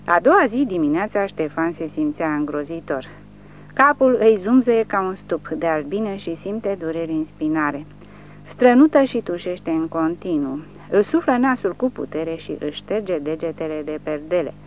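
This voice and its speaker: An audiobook narrator reading a novel aloud in steady scripted narration. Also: medium pitch, muffled recording, a little hiss or hum.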